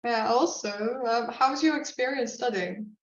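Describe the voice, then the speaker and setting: A woman hosting and moderating a panel on a video call, brisk with friendly prompts. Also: on the high side. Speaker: event host. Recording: distant, echoey, muffled, with faint noise.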